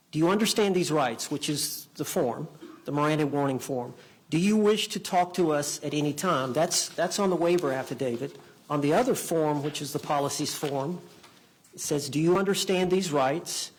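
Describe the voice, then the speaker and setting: Higher-pitched man questioning a witness. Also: poor audio. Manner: halting, repeats and rephrases his questions. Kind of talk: courtroom examination. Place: courtroom.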